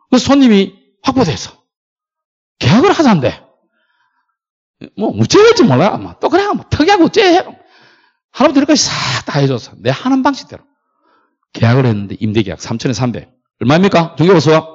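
A man's voice: fairly high pitch, breathy edge. A middle-aged man lecturing on factory brokerage, telling stories and acting out quoted lines. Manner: animated storytelling, acts out quoted dialogue. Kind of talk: classroom lecture with anecdotes. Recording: dull lo-fi lecture recording.

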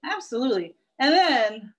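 Bubbly high-voiced woman teaching kids. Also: big pitch swings, moderate pace, fairly bright tone, rough recording. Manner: chatty and playful, laughing often. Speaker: zoo educator. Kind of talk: live online zoo lesson.

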